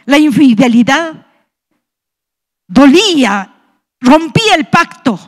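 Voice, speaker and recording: A woman's voice: high voice, very animated, takes it slowly. A woman with a Peruvian Spanish accent, a pastor's wife, giving an impassioned testimony in church. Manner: impassioned, storytelling with rising emotion.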